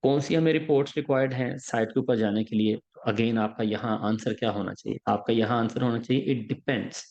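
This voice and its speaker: Guy explaining interview prep step by step, keeps asking "ok?", mid pitch, kinda muffled recording. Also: a little mellow. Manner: explains step by step, often checking in with "ठीक है?". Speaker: engineering interview coach. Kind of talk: explanatory podcast lesson.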